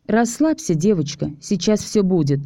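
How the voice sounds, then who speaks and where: A playful, seductive vampire woman, voiced by a female reader purrs her teasing lines in a mellow tone. Everything sits close and dry, with no room sound. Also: medium pitch, lively intonation, moderate pace, no echo. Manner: teasing, sultry.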